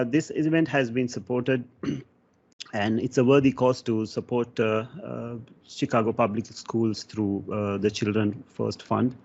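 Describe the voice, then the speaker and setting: A man from Sri Lanka giving a technical conference talk, pausing often with fillers. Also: medium pitch, vocal fry, a little mellow. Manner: hesitant, many fillers. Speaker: conference speaker. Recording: dull lo-fi sound.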